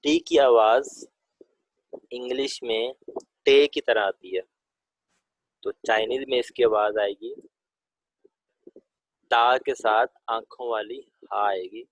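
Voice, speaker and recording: A man's voice: lowish voice, steady tone, long pauses, dry recording, rough recording. A man teaching a pronunciation lesson, who patiently drills sounds one by one and has his students repeat them aloud. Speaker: Chinese language teacher.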